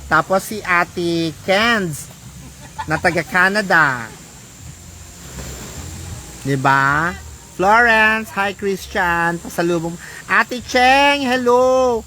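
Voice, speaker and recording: Filipina woman vlogger, slow and bright, doing phone-livestream shout-outs outdoors on a beach. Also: mid-range voice, a little hiss or hum. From Philippines. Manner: chatty, reads out viewer names and shout-outs. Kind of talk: casual livestream chat, greeting viewers by name.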